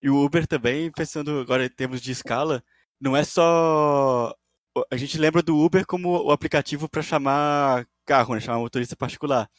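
A man's voice: a little high, fairly even intonation, fairly quick, no echo. A man with a Brazilian Portuguese accent co-hosting a podcast in casual conversation. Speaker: podcast co-host.

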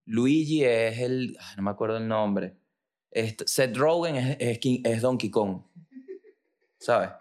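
A man's voice: mid-range voice, slow, a little mellow. A man with a Venezuelan accent hosting a podcast, riffing through a joking, slangy and profane comic monologue. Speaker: podcast host.

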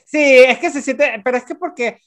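A podcast guest, a man with a Venezuelan Spanish accent and a high voice, chats casually. He keeps agreeing with quick, easy replies. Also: a bit bright. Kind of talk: casual chat.

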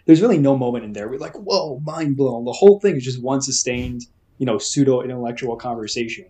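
A young man in relaxed podcast talk, voice sitting at an everyday middle pitch. He tells stories with animated emphasis and slips into the voices of people he quotes. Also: fast. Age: young adult. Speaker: podcast co-host. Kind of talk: casual chat.

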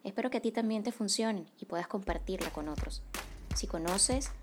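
A woman hosts a wellness podcast and reads from a script in a calm, measured voice. She speaks softly and evenly at a mid pitch. Faint music plays underneath. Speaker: podcast host, psychocorporal facilitator.

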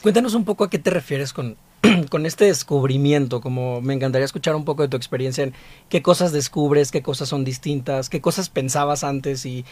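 A man's voice: mid-range voice, brisk, darkish tone, no echo. A man interviewing a guest and asking open, inviting follow-up questions in a conversational way.

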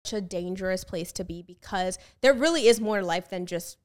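A woman's voice: fairly low pitch, normal speed. A young woman hosting a podcast in casual conversation, chatty, laughing often and filling her talk with "like". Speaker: podcast host. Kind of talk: casual chat.

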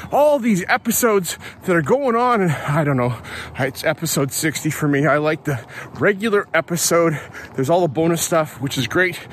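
Man, podcast host, fairly high voice, rambling outdoor diary, faint outdoor hiss behind. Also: fairly bright tone. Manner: chatty, rambling, self-correcting. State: out of breath. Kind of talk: casual outdoor audio diary. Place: outdoors on a hill at dawn.

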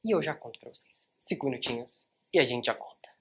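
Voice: mid-range voice, animated, fairly quick, fairly bright tone, a little hiss or hum. A literature teacher with a Brazilian accent retells a novel in a chatty, informal online lesson and talks straight to the viewers. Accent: Brazilian Portuguese.

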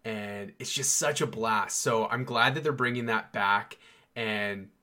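Excitable rambling male podcast host. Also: fairly low pitch, unhurried. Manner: rambling, enthusiastic, many fillers and restarts. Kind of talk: casual chat.

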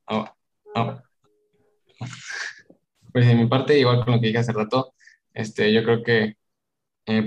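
A young man on a student podcast, talking casually and reflectively in a tentative, hedging way. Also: mid-range voice. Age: young adult.

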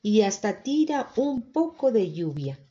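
Lady doing a keen storybook pig, higher voice, warm tone, muffled sound. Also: very animated, a little slow. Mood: eager. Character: eager imaginative male pig student.

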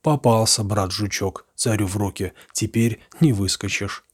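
Man voicing a husky, sly folk-tale peasant. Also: lowish voice, unhurried. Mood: resigned. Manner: folksy, muttering to himself. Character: sly peasant man posing as a fortune-teller.

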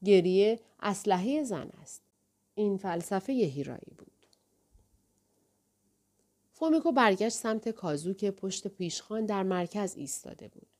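Woman audiobook narrator, warm mellow tone, calm steady delivery. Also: mid-range voice, pauses often. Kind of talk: scripted narration.

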